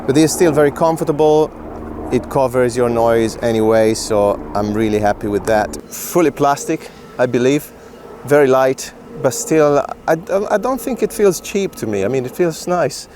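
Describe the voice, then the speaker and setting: A man hosts a casual film gear review, talking informally and directly to viewers. His medium-pitched voice is a little mellow at a moderate pace, with a little hiss or hum in the background.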